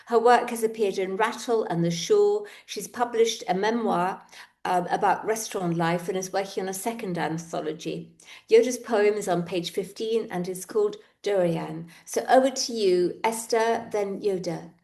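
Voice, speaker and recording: A woman's voice: medium pitch, normal speed, gravelly, a little mellow. A woman hosting a poetry launch, introducing the next readers with short bios and some fillers. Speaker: event host. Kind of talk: introducing poets.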